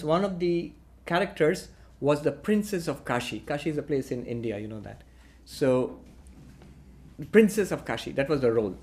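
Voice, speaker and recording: A middle-aged man tells a parable in a spiritual talk, slipping into the characters' lines with bright jumps in pitch. His voice sits somewhat high for a man. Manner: lively storyteller, acts out dialogue with rising pitch. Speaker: monk giving a talk.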